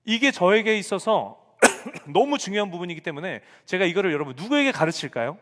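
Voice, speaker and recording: A man's voice: sits high, very animated, fairly quick, fairly bright tone. A male pastor in his forties preaching a sermon to young adults, telling a family story and acting out the lines he quotes. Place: church sanctuary. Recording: reverberant church hall.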